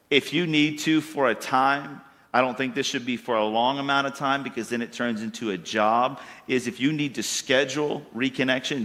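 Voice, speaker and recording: A man preaching a sermon to a congregation, folksy and emphatic, building to louder bursts. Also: mid-range voice, in a large hall. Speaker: pastor. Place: church hall with congregation.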